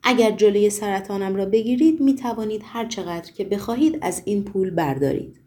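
Storybook role: a woman voicing a trembling, pleading male barman, mellow tone. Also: mid-range voice, natural voice.

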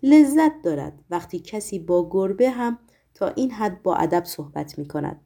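A man's voice: high-pitched, big pitch swings, creaky, mellow, full character voice. A woman voicing a pompous, touchy talking male cat who speaks indignantly. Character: pompous talking tomcat, touchy about respect.

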